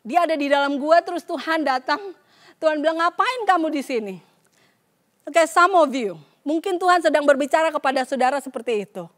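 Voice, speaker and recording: High-voiced woman pastor preaching. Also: animated, a little fast. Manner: mixes English phrases into her preaching; acts out voices when quoting scripture. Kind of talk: sermon. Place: church service.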